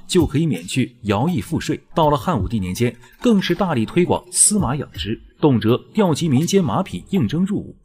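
Lively, wry male narrator. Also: medium pitch. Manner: wry, colloquial, playful. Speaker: narrator of a TV drama recap. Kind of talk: joking scripted storytelling commentary.

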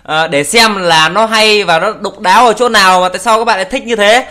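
A man's voice: sits high, fairly quick, sharp tone. A young man casually commenting on video clips, teasing and joking, laughing often and swearing in English. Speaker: YouTuber reacting to videos.

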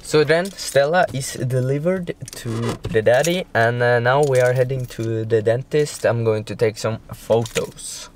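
Young man, Norwegian native, unhurried vlog talk, lots of fillers, action camera, light background hiss. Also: medium pitch. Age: young adult. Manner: relaxed, slow, many fillers. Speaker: motocross rider vlogger. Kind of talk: casual vlog narration. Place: home, car and gym. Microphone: handheld action camera.

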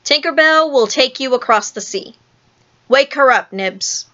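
A woman voicing a proud, bossy boy leader in a storybook reading, speaking in a short, sharp, commanding way. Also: a little high, normal speed, dull audio. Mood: stern.

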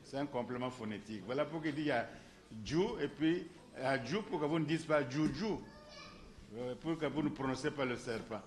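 Man, professor, patient explaining, repeats key points, mid-pitched voice. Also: fairly quick. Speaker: professor at a conference. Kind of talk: explanatory lecture.

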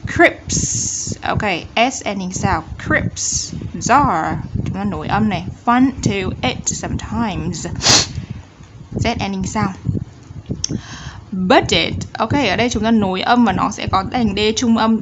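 A woman's voice: medium pitch, background noise. Vietnamese-accented woman teaching English pronunciation. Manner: reads English phrases slowly, then explains in quick Vietnamese. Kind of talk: pronunciation lesson.

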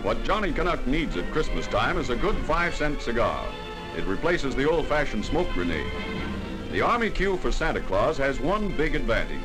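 A man's voice: mid-range voice, big pitch swings, normal speed. A man in a jaunty, punchy manner with wisecracks, narrating a 1940s wartime newsreel as a voice-over. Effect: old newsreel voice-over. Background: music.

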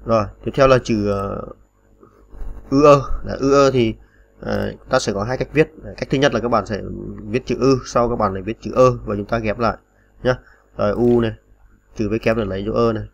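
A man's voice: lowish voice, steady tone, fairly quick, gravelly. A man teaching typing on a computer in a patient, step-by-step way, with many small fillers. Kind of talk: screen-recorded typing tutorial.

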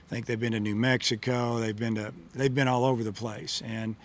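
A middle-aged baseball coach answers reporters after a game, speaking into a table mic in a press room before a sponsor backdrop. His medium-pitched voice stays level and a little fast, his answers plain and matter-of-fact with many fillers, and there's a slight hiss or hum.

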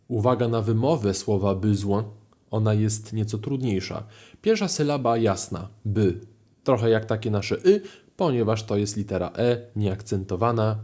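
Man, language teacher, mellow voice, clear explanations, video lesson. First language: Polish. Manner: explains clearly, with lively rises in pitch.

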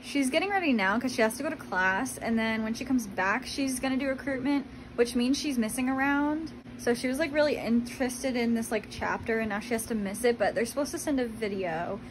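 A woman's voice: on the high side, brisk, hardly any pauses. A young woman in her late teens chatting casually to a vlog in colloquial sorority-girl style, saying "like" often. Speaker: vlogger, college freshman. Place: small dorm rooms, indoors. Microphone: phone at arm's length. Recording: noisy handheld phone recording.

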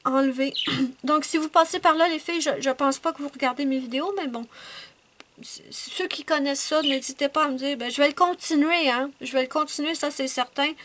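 A woman's voice: high voice, a bit bright. A woman chatting casually as a coloring vlogger, rambling and correcting herself as she thinks aloud. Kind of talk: casual show-and-tell chat.

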